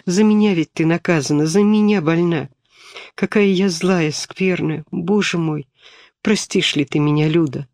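A man's voice: fairly high pitch, measured pace, a little mellow, dry recording, clean studio sound. A man reading as a tender princess schoolgirl. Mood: remorseful. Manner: tender, whispering. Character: young princess schoolgirl, warm and devoted.

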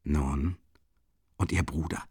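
A man voicing a cynical, mocking gentleman villain with smooth irony in an audiobook reading. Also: extremely low pitch, fairly even intonation, slow, no room sound, clean studio sound, voice pushed down, heavily acted. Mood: sneering.

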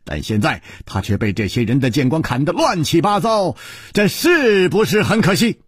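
A man voicing a calm, thoughtful hero. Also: fairly high pitch, breathy edge, no echo, studio quality, pitched above the performer's own voice. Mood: calm, reflective. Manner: measured and reflective. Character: calm, wise male hero, a thoughtful swordsman.

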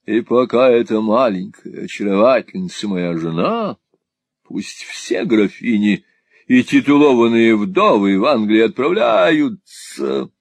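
A man's voice: lowish voice, big pitch swings, a little slow, creaky, dry recording, full character voice. A man voicing a foppish, pompous husband who gushes and swears theatrically in an audiobook reading. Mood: swaggering. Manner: gushing, languid, swaggering exclamations.

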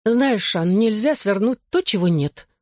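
A reader voicing a bubbly, excitable teenage girl who fiercely takes her best friend's side. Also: mid-range voice, no room sound, studio quality, pitched above the performer's own voice, close to an everyday voice. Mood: grumbling. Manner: quick to excitement and indignation.

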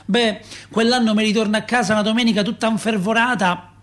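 An actor plays a talkative, exasperated middle-aged working-class Roman father who works as a doorkeeper, delivering a theatrical radio-play monologue of colloquial storytelling. With a Roman accent and a husky, high voice, he speaks quickly, rambling expressively, repeating himself and asking rhetorical questions.

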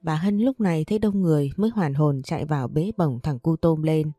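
A woman reading a story in a steady, measured manner. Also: sits low, no echo, studio quality, faint music behind. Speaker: narrator. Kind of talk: scripted audiobook narration.

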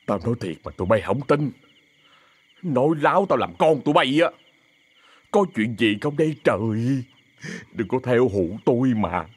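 A man's voice: medium pitch, expressive, normal speed, slightly rough, no room sound. An actor playing a frightened, superstitious aging man with a Southern Vietnamese accent, stammering and pleading in an audio drama. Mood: indignant, pleading. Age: older.

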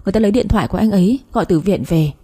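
A woman's voice: mid-range voice, very fast, dark tone, breathy edge, close to an everyday voice. A woman reading aloud, voicing a frightened young daughter who speaks tearfully. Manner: tearful, pleading.

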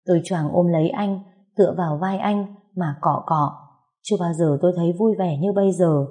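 Warm-voiced woman narrating a story. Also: on the low side, a little fast. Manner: expressive, emotional reading. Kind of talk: first-person audio story narration.

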